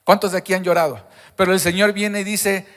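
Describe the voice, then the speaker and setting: A man with a high voice preaches an Easter Sunday sermon, speaking emphatically and asking the congregation questions. He is recorded at a live church service, and his voice rings with the long reverb of the hall. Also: steady tone, fairly quick, a bit bright. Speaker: pastor.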